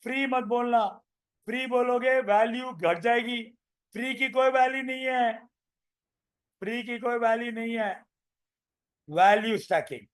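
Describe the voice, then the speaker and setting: High-voiced man coaching sales. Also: a little slow, pauses often, clean tone. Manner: energetic, repeats phrases, role-plays sales calls. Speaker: business coach. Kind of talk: live online training session. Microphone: video call.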